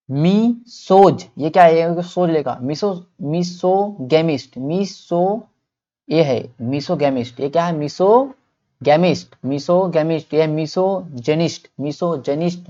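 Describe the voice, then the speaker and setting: A male teacher giving an online vocabulary lesson. He asks questions and answers them himself, and stretches words out slowly so listeners can repeat them. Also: fairly high pitch, mellow, lo-fi sound.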